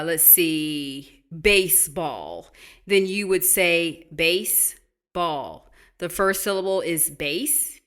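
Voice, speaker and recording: Middle-aged teacher lady, bright tone, encouraging, spells out words letter by letter. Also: on the low side. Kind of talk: instructional talk to parents.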